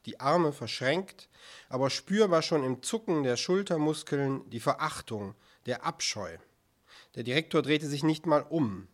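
A man narrating an audiobook in a measured, even storytelling manner. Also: medium pitch.

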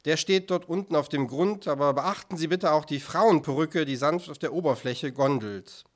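A man reading an audiobook, voicing a calm, detached male avant-garde artist. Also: on the high side, normal speed, close to an everyday voice. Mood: aloof. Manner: cool, detached. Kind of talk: audiobook character voice.

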